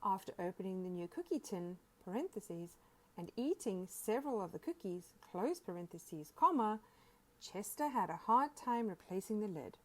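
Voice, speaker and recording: A woman narrates a scripted grammar lesson with a lively, rising and falling voice. She reads example sentences aloud and names each punctuation mark as she goes. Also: mid-range voice, moderate pace. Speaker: grammar instructor.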